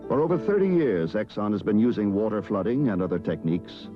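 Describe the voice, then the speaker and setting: A man's voice: fairly low pitch, expressive, a little fast. A man reading earnest, scripted corporate narration as a TV commercial announcer. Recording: dull old TV ad, music bed.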